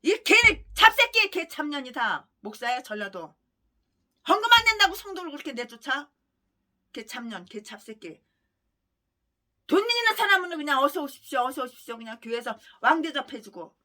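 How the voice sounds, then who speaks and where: A woman pastor delivering a fiery, denunciatory sermon, ranting with heavy name-calling and bursts of shouting. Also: sits high, sing-song, moderate pace.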